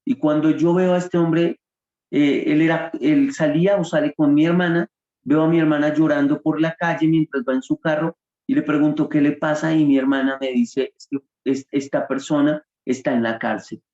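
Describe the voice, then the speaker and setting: A man's voice: a little high, steady tone, moderate pace, a little mellow, dull audio. Earnest Colombian man preaching, roomy sound. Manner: earnest storyteller, acts out quoted dialogue with God. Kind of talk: preaching testimony.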